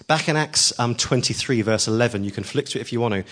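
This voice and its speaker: A man's voice: medium pitch, fast, a bit bright. A man preaching a sermon, earnest and emphatic, pushing his voice up on key lines, with frequent ums as he tells a story.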